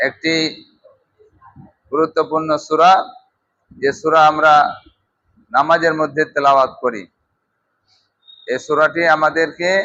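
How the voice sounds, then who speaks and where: A man teaching a Quran class, slowly drilling students on pronunciation with questions they answer back. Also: on the high side, sharp tone. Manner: slow, drilling pronunciation with call-and-response questions. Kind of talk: classroom recitation lesson. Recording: dull lo-fi class recording with crowd noise.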